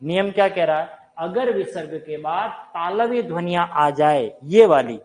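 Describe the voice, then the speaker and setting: A man's voice: a little high, expressive, a little slow, a little mellow, rough recording. A man teaching a live online Hindi grammar class, talking straight to his viewers, quizzing them and answering his own questions. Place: teaching room with a board.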